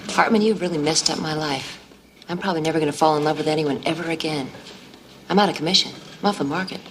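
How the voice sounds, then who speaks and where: Sarcastic low-voiced woman, an actress playing her. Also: quick pace, slight background noise, close to an everyday voice. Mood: wry. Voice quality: dry, sarcastic wit. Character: sharp-tongued woman facing her old lover. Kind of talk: sitcom acting. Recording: music playing underneath.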